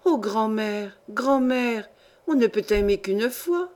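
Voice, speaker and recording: A woman's voice: a little high, measured pace, lightly acted. A woman reading a story aloud, voicing an earnest, romantic young girl who pleads with her grandmother. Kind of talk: audiobook reading.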